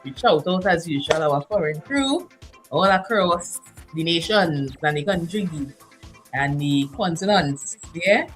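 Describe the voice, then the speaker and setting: A woman co-hosting a casual relationship talk show, chatty and quick to laugh, using Caribbean-style phrasing. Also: on the low side, animated, music in the background. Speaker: co-host.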